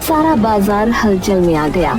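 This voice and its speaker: A woman's voice: medium pitch, sing-song, unhurried, over music. A woman reading scripted narration for a moral story.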